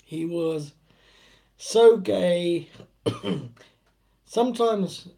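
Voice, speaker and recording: A British host chats on a live stream in a loose, joking way, often breaking into laughter. His delivery is slow and unhurried, and his voice has a mellow, soft-edged tone. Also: high voice, gravelly. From United Kingdom. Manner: jokey and joshing, laughing often. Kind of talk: casual live-stream chat.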